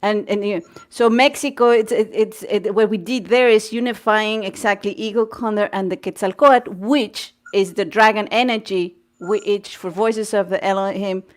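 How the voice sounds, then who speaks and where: A woman hosting a casual chat, talking eagerly and quickly and often restarting her phrases. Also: medium pitch, steady tone. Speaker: host.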